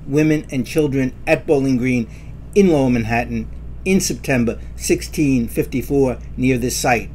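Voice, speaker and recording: A man narrating a scripted historical announcement in a measured, formal reading voice. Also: medium pitch, a little mellow, slight background noise.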